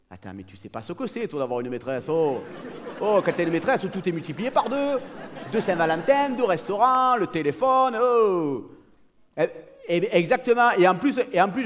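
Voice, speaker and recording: A comedian acting out a brash, boastful cheating husband, talking cockily and excitably to a partner who is never heard. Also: male voice, high-pitched. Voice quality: cocky, excitable, talks over an unheard partner. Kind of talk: live stand-up character monologue.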